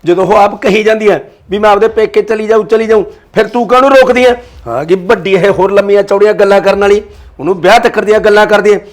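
A man's voice: high-pitched, steady tone, fast, natural voice. A man playing a harsh scolding father-in-law. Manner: gruff, scolding. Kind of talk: family drama acting.

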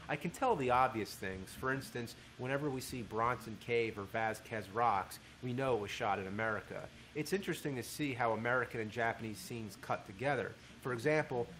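A man's voice: medium pitch, a bit bright, a little hiss or hum, poor audio. Man narrating with wry asides. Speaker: commentator. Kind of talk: video essay narration.

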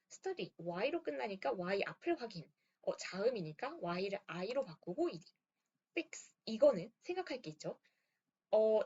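A woman's voice: mid-range voice, breathy edge. A woman teaching English grammar, walking step by step through exercises and checking in with her students. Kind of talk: lesson walkthrough. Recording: dull lo-fi sound.

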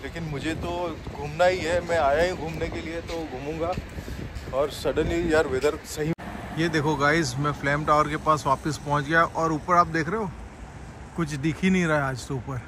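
Excited man from Gujarat vlogging on foot. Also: a little high, normal speed, noisy background. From Gujarat, India. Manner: excited, keeps urging viewers to look. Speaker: travel vlogger. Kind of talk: walking tour vlog to camera. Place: underground cafe, then outdoors on city streets. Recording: music playing behind the voice.

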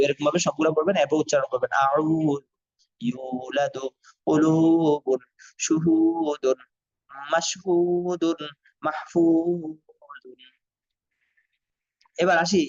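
Guy teaching quran reading, slow repeat-after-me drilling, kinda high voice, dull lo-fi audio. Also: creaky. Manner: slow syllable-by-syllable drilling, repetitive. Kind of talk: online class lesson. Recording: dull lo-fi sound.

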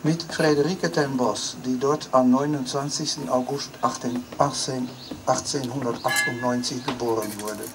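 A man's voice: mid-range voice, fairly even intonation, moderate pace. An older man gives a formal address at an outdoor memorial ceremony, reading from notes into a handheld mic. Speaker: ceremony speaker. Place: outdoors on a town street. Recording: street noise outdoors.

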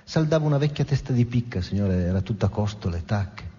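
A weary blacksmith answers softly and deferentially, resigned to his sorrows, as a man reads him aloud. His mellow voice carries through a long, dull hall echo. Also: fairly low pitch, animated, fairly quick, close to an everyday voice. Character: weary, calm male blacksmith.

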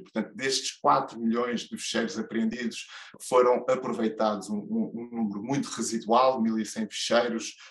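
A man's voice: medium pitch, roomy sound. A man with a European Portuguese accent, a judge and lecturer giving a conference keynote, hesitant, with many fillers and restarts.

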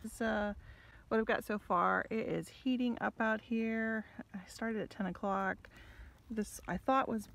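A middle-aged woman chats away while she paints from a kayak out on a lake, thinking aloud and laughing at her own struggles. Her voice has a gravelly edge. She sounds warm from the sun and a bit winded, with a soft hiss of open-air noise behind her phone mic. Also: a little high, fairly even intonation, measured pace. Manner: chatty, self-deprecating, thinking aloud. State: hot, slightly out of breath. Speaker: watercolor artist. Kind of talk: casual chat while painting. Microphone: phone camera held in hand.

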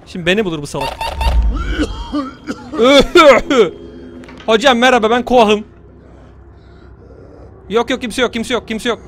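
A man's voice: very high voice, slow, long pauses, noisy background. A young man commentating a horror game let's play, muttering to himself and cursing at the game. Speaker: gamer.

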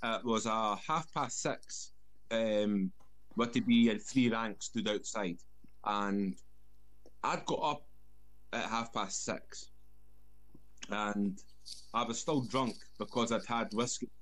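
A man's voice: fairly low pitch, takes it slowly, long pauses, a bit bright. Man with a broad Scottish accent. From Scotland. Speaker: guest, former soldier. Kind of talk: casual anecdote telling.

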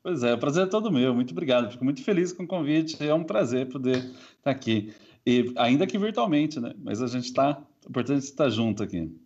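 A man's voice: mid-range voice, lively intonation, a little fast, darkish tone, husky. Brazilian man, 30s, reflective guest expert on a muffled video call. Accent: Brazilian Portuguese. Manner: thoughtful, musing, many hedges and restarts. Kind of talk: reflective interview answers. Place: home room.

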